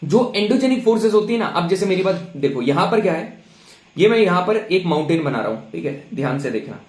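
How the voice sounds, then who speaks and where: A man's voice: high voice, very animated, brisk. A young male teacher gives an exam-prep lecture, switching between Hindi and English, repeating key terms and speaking straight to his students. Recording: roomy echo.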